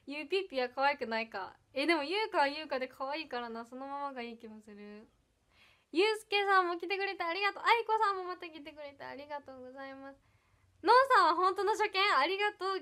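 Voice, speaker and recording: A woman's voice: sits high, fairly bright tone. A young woman from Ehime speaking with an Iyo dialect mixed with some Kansai, chatting casually on a livestream, giggly and thanking viewers one by one. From Ehime, Japan. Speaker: idol livestreamer. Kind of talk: casual livestream chat reading comments.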